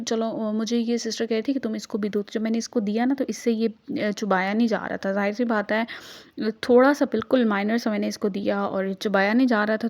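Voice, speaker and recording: A woman's voice: mid-range voice, darkish tone. Chatty young woman vlogging casually. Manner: chatty, mixes English words into her talk. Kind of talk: casual vlog narration.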